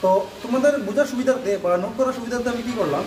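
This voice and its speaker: A man teaching a grammar lesson to students, explaining patiently, repeating points and often pausing with fillers and asking if they follow. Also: very high voice. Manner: repetitive, frequent filler "ah", checks "okay?". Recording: roomy, distant mic, faint background noise.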